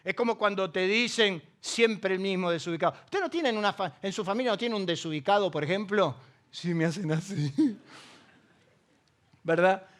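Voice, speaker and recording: Pastor argentino de voz muy aguda. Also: male voice, high voice, lively intonation, moderate pace, a bit bright. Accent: Rioplatense Spanish. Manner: humorous, storytelling, asks the congregation questions. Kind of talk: sermon.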